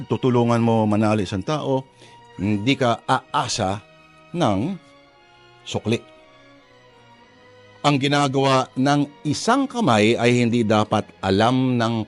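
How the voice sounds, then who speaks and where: Over soft background music, a male radio host introduces a drama program at a middling pitch with a lively, swinging delivery. Addressing listeners conversationally like a preacher, he poses rhetorical questions as he sets up the story.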